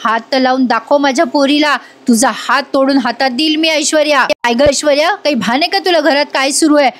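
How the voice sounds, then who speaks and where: A woman's voice: sits high, brisk, a bit bright. A woman voicing a protective young mother who speaks firmly and confronts others. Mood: fierce. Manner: firm, confrontational.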